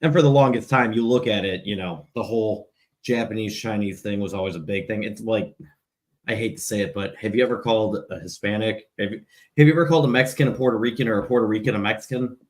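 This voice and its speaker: A man's voice: on the low side, fast. A man with an Illinois accent, rambling through casual late-night podcast chat as a co-host, often restarting his sentences. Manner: rambling, repeats words when starting.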